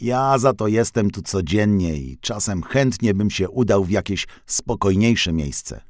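A man voicing a busy male street-sweeping cart in a children's audio story, talking in a brisk, blunt but kindly way. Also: fairly low pitch, animated, a little mellow, dry recording, studio quality. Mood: friendly.

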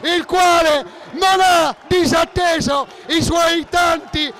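High-pitched breathless Italian man shouting goal commentary. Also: fairly even intonation, slow. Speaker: football commentator. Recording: noisy stadium with crowd behind. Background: football crowd and stadium noise.

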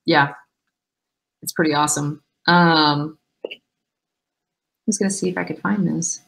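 A woman co-hosting a business webinar in a casual, excited, upbeat way. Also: sits low, a little slow, vocal fry. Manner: excited, upbeat, says she is yelling. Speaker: webinar co-host.

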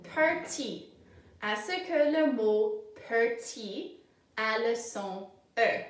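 A woman teaching a simple French lesson to children, speaking slowly and clearly, repeating each word and giving English translations. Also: a little high, lively intonation. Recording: very echoey room, voice from far off.

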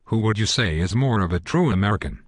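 A man's voice: lowish voice, expressive, fast talker, very noisy, natural voice. A synthetic male voice playing a smug, belligerent parody news anchor in a scripted cartoon newscast, stiff and pompous. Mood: accusing.

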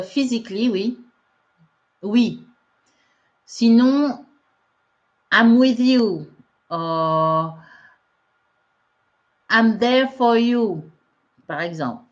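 A woman's voice: medium pitch, lively intonation, drawn-out words, pauses often, highs cut off. A woman teaching English in a live online lesson, laughing often as she reads out viewer comments. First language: French.

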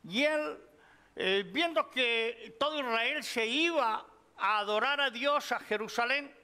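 A middle-aged man preaching a sermon, teaching from the Bible in a measured way and addressing the listeners as brothers. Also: very high voice, pushed and bright. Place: church hall. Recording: long hall reverb.

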